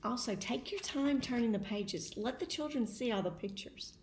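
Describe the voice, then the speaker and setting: A middle-aged teacher gives read-aloud tips to camera from her home kitchen and dining room. Her voice is a little high, with lively intonation at a moderate pace. The camera sits at table distance, picking up roomy echo and faint background noise.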